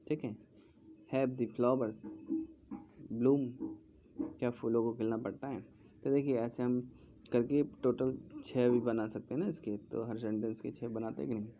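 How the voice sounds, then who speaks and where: A male English teacher with a gravelly, monotone, medium-pitched voice explains English grammar in Hindi, speaking slowly and repeating words as he writes on a board. The home recording sounds dull, muffled and lo-fi, with a little hiss or hum and faint background sound.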